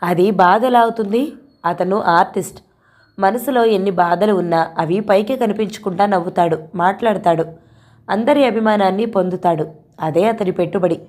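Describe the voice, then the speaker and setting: A woman reading a calm, reasoning young friend. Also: medium pitch, normal speed, close to an everyday voice. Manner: reflective, reasoning.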